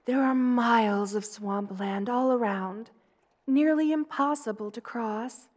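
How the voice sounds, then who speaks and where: A woman voices a gentle, loving spider queen in an ASMR roleplay. Her fairly high-pitched delivery is tender, soothing and gently formal, with a reassuring mood.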